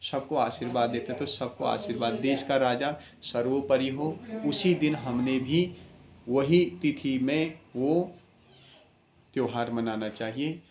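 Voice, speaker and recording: A man speaking as an astrologer, delivering an earnest, preaching address at an ordinary middle pitch. He presses his points with rhetorical questions. The room around him is echoey. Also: unhurried, a crowd in the background. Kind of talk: impassioned spoken address.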